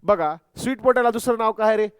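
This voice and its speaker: A man's voice: high-pitched, fast, clear, resonant tone, no room sound, clean studio sound. A young man teaching a biology class. He keeps asking the students questions and mixes English terms into his speech. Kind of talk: classroom lecture.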